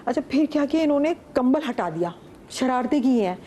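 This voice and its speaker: A middle-aged woman, a guest on a morning talk show, telling a story of a frightening experience in an animated, vivid way. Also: high-pitched, brisk, a little hiss or hum. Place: TV studio set.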